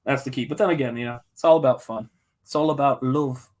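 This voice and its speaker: While painting on a livestream, a middle-aged man from the US rambles fast and casually. His mid-range voice has a slightly mellow quality. He keeps the jokes coming, often at his own expense.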